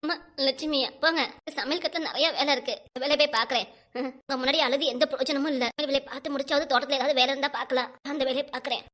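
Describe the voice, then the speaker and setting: A woman's voice: sits high, fairly even intonation, a bit bright. A woman voicing a tearful scolding grandmother over sixty. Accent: southern Tamil Nadu dialect. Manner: rapid, reproachful scolding. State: crying. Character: upset old grandmother, wife over sixty. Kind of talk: cartoon voice acting.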